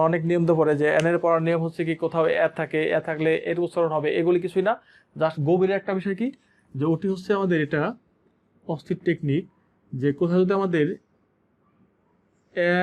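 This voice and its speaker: Male grammar tutor, high voice, self-answering questions, dull recording. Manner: repeats sounds and words slowly, asks and answers his own questions. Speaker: English grammar teacher. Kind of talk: classroom lesson.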